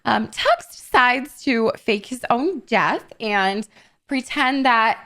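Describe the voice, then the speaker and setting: Young woman, higher-pitched, roleplay streamer, animated storyteller with crude, indignant rants. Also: takes it slowly. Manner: animated, swearing, rising to indignant outbursts. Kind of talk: casual in-character storytelling.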